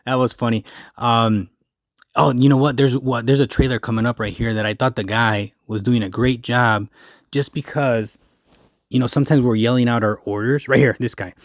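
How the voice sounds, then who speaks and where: A man's voice: medium pitch, fairly even intonation, moderate pace. Guy strolling round a food truck fest outside, chatty, pointing stuff out, dry sound no echo. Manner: chatty, points things out as he walks. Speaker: food truck owner and vlogger. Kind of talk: casual walking tour vlog. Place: outdoor food truck festival.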